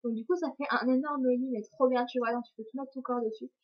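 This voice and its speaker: Speaking fast in a steady tone, a young vlogger with a slightly high voice chats casually to the camera, working through viewer questions. Her words trip up now and then, and she laughs off the slips. A cheap-webcam-style mic leaves the sound dull and lo-fi.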